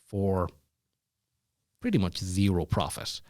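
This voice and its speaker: A man's voice: low-pitched, expressive, takes it slowly, a little mellow, no room sound, studio quality. An Irish man chatting casually as a podcast guest, telling stories in a rambling, self-deprecating way. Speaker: podcast guest, former comedy club MC. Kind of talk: casual storytelling chat.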